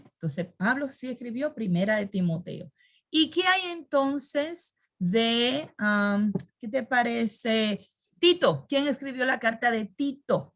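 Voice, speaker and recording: A woman leads a Sunday school Bible lesson in a fairly high voice. She quizzes her pupils, repeats the key words and keeps checking that they understand. Her delivery is patient and teacherly. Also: fairly bright tone.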